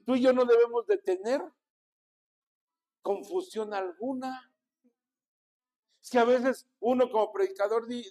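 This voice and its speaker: A man with a Mexican Spanish accent, a pastor preaching a sermon and calling on his congregation to repeat after him. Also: extremely high pitch. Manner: preaching with call-and-response to the congregation.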